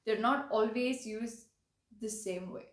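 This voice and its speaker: A woman's voice: fairly high pitch, slow, echoey room. A woman teaching English vocabulary, explaining patiently and often checking in with "right?". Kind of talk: vocabulary lesson.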